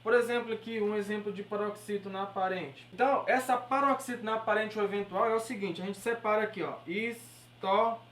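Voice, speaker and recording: Speaking fast with hardly any pauses, a woman with a steady, mid-range voice and a Brazilian Portuguese accent walks through an exam-prep grammar lesson. Her explanations are peppered with check-ins like "beleza?" and "certo?", recorded far off the mic in an echoey space.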